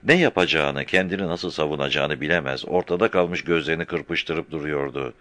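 A man reading a novel aloud as a narrator in measured, unhurried storytelling. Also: rumbling low, a bit bright, no echo. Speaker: audiobook narrator. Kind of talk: scripted literary narration.

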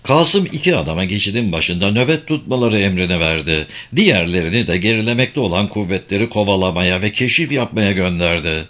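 A man reading a novel aloud as a dramatic, expressive audiobook narration. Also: sits low, fairly quick, few pauses.

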